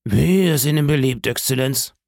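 A man's voice: mid-range voice, gravelly, a little mellow, dry recording, pitched above the performer's own voice, lightly acted. A man voicing a cool bandit chief. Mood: calm. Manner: unhurried, dry and mockingly courteous. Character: calm, cool male bandit chief, phlegmatic and polite. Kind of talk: audiobook reading.

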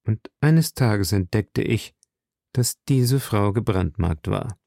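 A male reader voicing a grave nobleman who speaks in a solemn, measured way, pitched low. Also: lively intonation, gravelly, darkish tone, no echo, studio quality, heavily acted. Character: grave older nobleman, trembling with resolve.

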